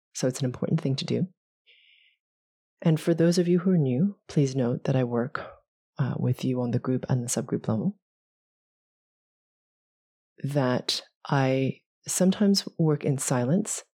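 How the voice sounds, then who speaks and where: Slow, breathy woman guiding a meditation. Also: a bass voice. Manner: slow, soft-spoken, gently paced with long pauses. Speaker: meditation guide. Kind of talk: guided meditation.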